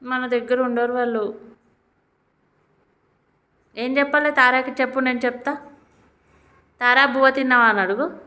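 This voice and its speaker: A woman's voice: high-pitched, normal speed, pauses often, pushed and bright. A young woman, chatting casually with a small child and coaxing answers with playful questions. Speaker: family member filming a child.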